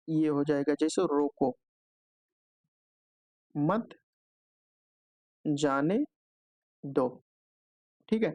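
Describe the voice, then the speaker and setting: A man's voice: high voice, creaky, a little mellow, no echo. A man teaching an exam-prep lesson, explaining step by step, often filling with a stock phrase and checking in with "okay" between points. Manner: explanatory, repeats filler "jo hai" often.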